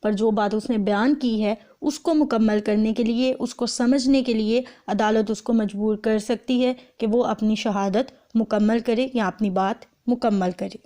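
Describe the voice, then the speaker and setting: A law lecturer with a Pakistani accent and a fairly high, mellow voice explains step by step, a little slowly, with fairly even intonation and hardly any pauses. Her lecture is instructional, reading clauses and translating them phrase by phrase while repeating and rephrasing each point.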